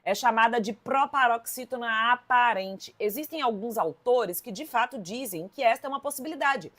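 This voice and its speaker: A woman with a Brazilian Portuguese accent teaching an exam-prep grammar lesson, lively and emphatic, talking straight to her students. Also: on the high side, normal speed.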